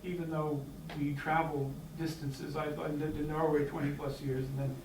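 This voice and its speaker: Standing well back from the microphone in an echoey hall, a clan member from the United States speaks up from the floor of a meeting in an unscripted way. His fairly high voice is flat, and he hesitates often, full of fillers and false starts. A faint hiss runs underneath.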